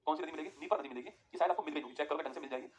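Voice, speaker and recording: A man's voice: fairly high pitch, racing, a little hiss or hum. A man teaching a live online geography class, dictating notes and asking his students again and again whether they follow. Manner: repetitive, keeps asking "ठीक है?"; addresses students as friends, gives dictation.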